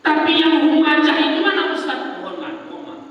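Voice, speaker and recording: A man preaching a sermon to a women's study group. He asks himself rhetorical questions and answers them, and chants verses in a drawn-out melodic tone. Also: very high-pitched, very animated. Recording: echoey hall, distant dull mic.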